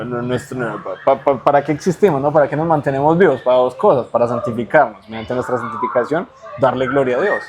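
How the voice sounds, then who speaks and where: A man's voice: mid-range voice, a little hiss or hum. A man as an interview guest, giving earnest spiritual teaching in a conversational way and checking in with rhetorical tag questions.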